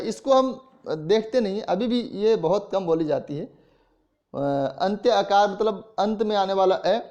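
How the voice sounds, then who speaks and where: A man with a Rajasthani Hindi accent teaches a college class in a fairly high voice. He explains patiently, point by point. He says words aloud to show how they sound. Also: a little mellow, muffled recording. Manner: explains slowly, demonstrates pronunciation aloud. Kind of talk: classroom lecture.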